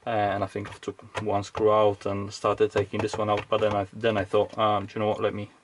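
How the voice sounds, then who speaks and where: Sitting at a home workbench, a man who is probably middle-aged narrates an unscripted electronics teardown for his video channel, rambling and hesitating as he thinks aloud. His voice is fairly low, monotone, and brisk. Faint background noise and clicks can be heard.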